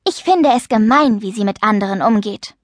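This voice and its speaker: A woman voicing a cheerful, earnest young schoolgirl who sounds high and eager. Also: expressive, moderate pace, no room sound, clean studio sound, lightly acted. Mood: friendly.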